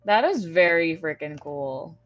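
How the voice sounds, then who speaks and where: Female livestream co-host, lowish voice, casual and informal, slightly dull audio with music behind. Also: expressive, measured pace, no room sound. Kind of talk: casual chat.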